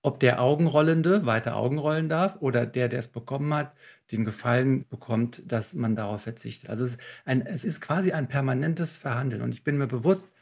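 A man, a communication trainer, calmly explaining techniques in a podcast interview, with examples. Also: medium pitch, a little fast, gravelly. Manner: calm, instructive, walks through techniques with examples.

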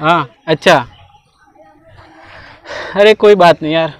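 A young man pulling a prank in an outdoor park, cheeky and mock-apologetic as he talks loudly on his phone. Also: on the high side, slow pace. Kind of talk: hidden-camera prank banter.

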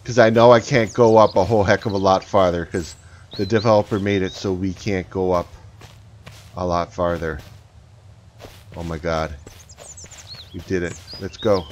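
Excitable man narrating his gameplay. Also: low-pitched, normal speed, pauses often. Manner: excitable, talks to viewers while playing. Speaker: gaming channel host. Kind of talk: casual gameplay commentary. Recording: slightly dull, faint background noise.

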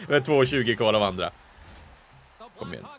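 A man giving live, excitable commentary on his own video game play, breaking into shouts at big chances. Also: medium pitch. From Sweden. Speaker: gaming YouTuber.

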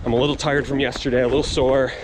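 A man's voice: medium pitch, flat delivery, quick pace. A man in his thirties with an American accent talks casually to his vlog camera while running, slightly winded. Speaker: running vlogger. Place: outdoors on paths and sidewalks. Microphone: camera held at arm's length. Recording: outdoor action camera, noisy street ambience.

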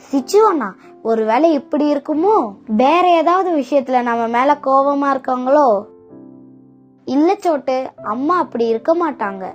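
Cartoon sparrow chicks voiced by a woman, high childlike pleading, dull lo-fi sound. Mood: worried. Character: small young sparrow chicks, innocent and anxious. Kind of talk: cartoon voice acting. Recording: dull lo-fi with faint music.

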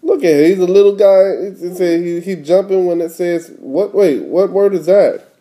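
In this read-aloud, a dad goes through a picture book with his young child, explaining things informally and prompting with questions. His voice is high-pitched yet dark in tone, at a normal speed.

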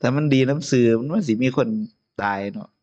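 A man's voice: mid-range voice, big pitch swings, a little fast, darkish tone, muffled recording. A man with an Isan Lao accent giving an informal Buddhist sermon as abbot, chatty and chuckling often. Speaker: abbot giving a Dharma talk.

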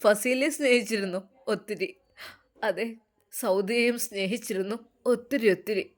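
A woman's voice: mid-range voice, moderate pace. A woman narrating a family story, with conversational asides.

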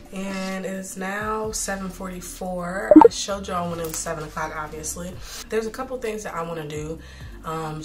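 Young woman vlogging, slightly hoarse. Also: lowish voice. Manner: chatty and relaxed with slang. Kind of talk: casual chat to camera.

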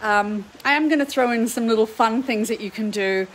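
A woman's voice: fairly high pitch, a little fast, slight background noise, rough recording. A middle-aged woman with an Australian accent, an art teacher chatting live to viewers from her home painting studio in an upbeat, chatty way. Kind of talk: live stream chat to viewers.

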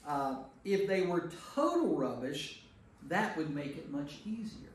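Speaking fairly high and a bit slowly, with big swings in pitch, this man is a priest teaching his church Bible study group in a casual way and tossing out rhetorical questions to check in. Captured on a distant mic in a reverberant meeting room, the audio is very echoey with faint background noise.

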